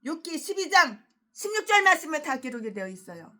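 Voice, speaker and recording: Woman pastor, fiery sermon, ranting, crude, high-pitched, slow scripture reading. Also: very animated, pushed and bright. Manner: ranting, cursing, emphatic repetition.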